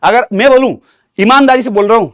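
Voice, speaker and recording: A man's voice: very high-pitched, fast talker, dry recording, studio quality. A young man teaching an exam-prep lesson, talking to students like an elder brother and repeating himself with rhetorical questions.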